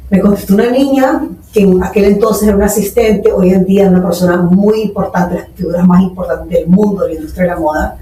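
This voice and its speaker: On a podcast, a Nicaraguan businesswoman in her forties talks quickly, with hardly any pauses, in a warm, medium-pitched voice, telling her story earnestly and peppering it with English terms. There's slight background noise, and the distant mic captures an echoey room.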